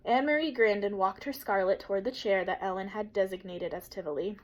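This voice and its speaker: A woman teacher reading a children's novel aloud in a steady, gentle storytelling manner. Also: medium pitch, a little fast, highs cut off.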